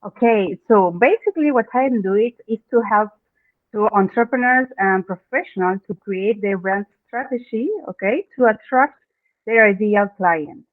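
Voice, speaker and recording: An Argentine woman, a native Spanish speaker, appears as a guest branding expert on a podcast interview, speaking English with an Argentine accent in a mid-range voice at a moderate pace. She earnestly walks through her work step by step, dropping in "okay" often. The audio is dry and phone-like, as from a remote call.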